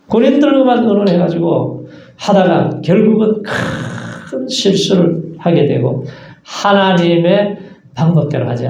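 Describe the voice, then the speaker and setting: A pastor earnestly preaches a sermon in an echoey church sanctuary, asking rhetorical questions and acting out short asides. His voice is on the high side and warm, with vocal fry, and the audio sounds dull.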